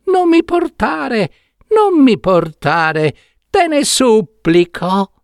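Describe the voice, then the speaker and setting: A man voicing a tiny enchanted young prince trapped in a box, begging in a thin, high little voice. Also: sing-song, very slow, gravelly, no room sound, studio quality, full character voice. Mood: pleading. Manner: begging, repeating his plea.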